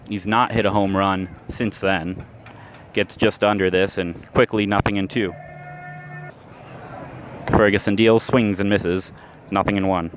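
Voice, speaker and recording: A man with a lowish voice does radio commentary on a baseball game, calling each moment live in terse phrases from an outdoor ballpark. There's slight background noise.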